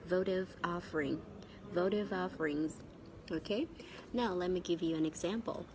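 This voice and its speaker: Battling a cold and sore throat, the Vietnamese-accented woman teaches English vocabulary haltingly, going over key words repeatedly. Her pitch is fairly low and the background is noisy.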